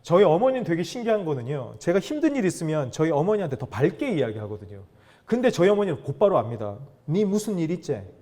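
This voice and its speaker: A middle-aged man lectures a room of fathers in an animated way, putting questions to them and acting out bits of dialogue. His voice is mellow and dark, with a pitch that rises and falls widely and sits a little high. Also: quick pace. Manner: animated, acts out dialogue, asks audience questions. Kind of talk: lively lecture to an audience of fathers.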